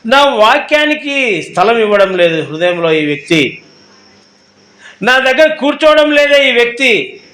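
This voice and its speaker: A grieving, gentle Lord laments in a plaintive, high-pitched voice, as a man preaching puts him on. The sound rings around an echoey room. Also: sing-song, a little slow, long pauses, heavily acted.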